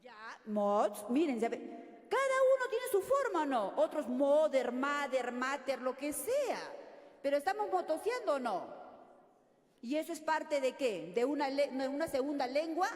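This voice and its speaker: An older woman from Peru leading a teacher workshop, lively and constantly checking in with her audience. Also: sits high, moderate pace. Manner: animated, questioning audience often. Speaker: teacher trainer. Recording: echoey hall.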